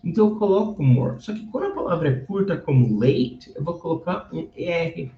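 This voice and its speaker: A man's voice: fairly high pitch, lively intonation, fairly quick. A man teaching English, patiently repeating words for practice. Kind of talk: bilingual teaching of English through Bible stories. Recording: dull, roomy recording from a distance.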